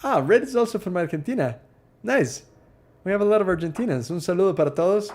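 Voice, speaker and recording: A man's voice: high voice, expressive, fast, a little mellow. Chatty man hosting a live Q&A. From Ecuador. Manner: chatty, reads out viewer questions, many fillers. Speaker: live stream host. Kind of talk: casual live Q&A.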